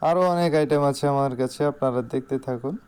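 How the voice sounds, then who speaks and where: A shop salesman with a Bangladeshi accent delivers an informal product showcase in voice-over, repeating key phrases for emphasis. He talks quickly, with a medium pitch and a darkish, clear, resonant tone.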